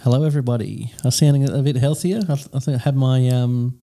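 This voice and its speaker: A very dark, gravelly man's voice. He chats casually as a podcast co-host, relaxed and hesitant, with lots of ums and restarts. It is recorded on a studio microphone. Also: medium pitch, a little fast. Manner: relaxed, hesitant with many fillers. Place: small studio.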